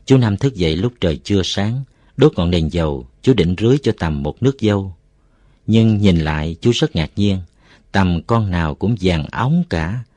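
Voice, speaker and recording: A man reading a novel aloud, calm and even, as narrator. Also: deep voice, normal speed, no room sound.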